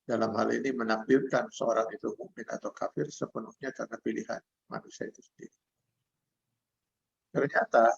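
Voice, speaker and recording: This is an older male Islamic preacher with an Indonesian accent giving a sermon on a video call, first reciting Arabic verses, then explaining them. His medium-pitched voice sounds creaky and husky, and the audio is dull and lo-fi.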